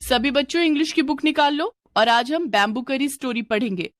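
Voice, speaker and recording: A woman's voice: high voice, fairly quick, no echo, studio quality, voice pushed up, lightly acted. A woman voicing a strict female schoolteacher who scolds her class sharply. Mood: stern.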